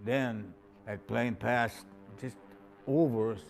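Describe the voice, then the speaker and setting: An older navy veteran recalling wartime events in plain, informal speech. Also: male voice, mid-range voice, takes it slowly, gravelly, faint music behind. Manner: plain-spoken, informal grammar. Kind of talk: oral history recollection. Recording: faint background noise.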